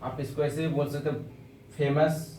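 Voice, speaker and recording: Indian english teacher guy, slow vocab lesson, spells stuff out, echoey room, faint hum behind. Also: on the high side, level tone, mellow, distant mic. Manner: slow, spells words letter by letter.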